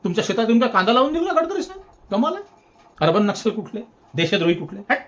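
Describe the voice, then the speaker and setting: Man, high voice, sarcastic, mock-scolding, chuckling, satirical political commentary. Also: very animated, fast, fairly bright tone, muffled recording, a little hiss or hum. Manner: sarcastic mock-scolding, repeats jeering taunts; chuckles while speaking.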